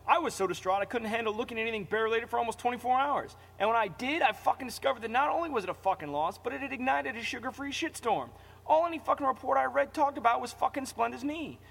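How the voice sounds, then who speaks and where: A man's voice: extremely high pitch, quick pace, gravelly, fairly bright tone, slightly rough, big-room sound. A man delivering a furious, profane scripted rant. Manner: angry, profane, ranting. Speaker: ranting commentator.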